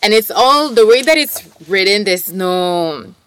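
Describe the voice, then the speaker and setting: A woman's voice: mid-range voice, lively intonation, a little slow, fairly bright tone, clean tone. A woman whose first language is French, co-hosting a casual, enthusiastic discussion of articles and poetry.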